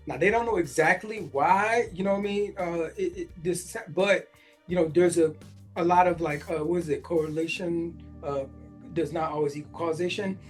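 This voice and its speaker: A man's voice: a little high, moderate pace, husky, soft background music. 40s guy podcasting, reads an article then riffs on it casually, lots of um and you know. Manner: reads a news article aloud, then breaks off to react with many fillers. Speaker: podcast host. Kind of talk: casual commentary reading news aloud.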